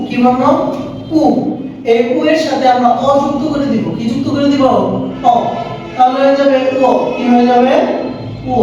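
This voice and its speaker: A woman's voice: high-pitched, mellow, distant mic, dull audio, slight background noise. A woman teaching a language lesson, asking a question and then answering it herself in repetitive drills. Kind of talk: classroom-style language lesson. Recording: very echoey room, voice away from the mic.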